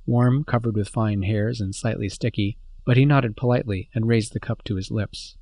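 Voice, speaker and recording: A man reading a science fiction story aloud as narrator, in a steady, measured way. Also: fairly low pitch, no room sound.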